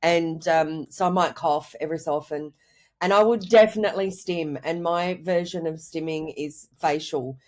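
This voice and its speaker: A woman with a cold, her voice croaky and sitting low, answers interview questions over a video call at a normal pace. She's a writer and mother appearing as a guest, giving candid, reflective, rambling answers full of "you know" and "I guess."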